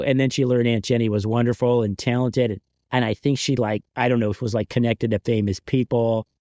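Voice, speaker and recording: A man co-hosting a podcast in casual chat, talking quickly with many asides. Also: mid-range voice, vocal fry, darkish tone, no echo, studio quality. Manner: chatty, quick, many fillers and restarts. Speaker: podcast co-host.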